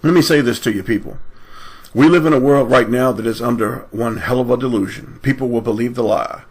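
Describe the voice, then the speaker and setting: A man preaching online with fervent delivery, swinging between loud emphatic passages and low intimate asides. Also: a little fast, slightly rough. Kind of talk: impassioned preaching.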